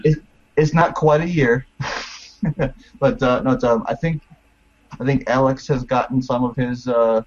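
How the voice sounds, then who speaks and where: A man chatting casually in a group, hesitant, with many pauses and filler words. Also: mid-range voice, steady tone, lo-fi sound. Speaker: panel guest.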